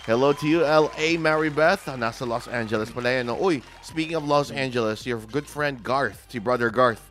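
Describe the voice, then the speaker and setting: A man's voice: mid-range voice, moderate pace, fairly bright tone, faint music behind. Filipino male radio host interviewing. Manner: friendly, mixes English and Tagalog, frequent greetings to listeners. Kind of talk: live radio-stream interview.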